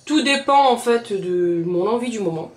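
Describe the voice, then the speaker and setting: A woman's voice: a little high, expressive, moderate pace. A woman with a Southern French accent, chatting casually as a home cook while she demonstrates a recipe and talks straight to her viewers. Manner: chatty, addresses viewers directly, repeats words often. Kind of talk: casual cooking tutorial. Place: home kitchen.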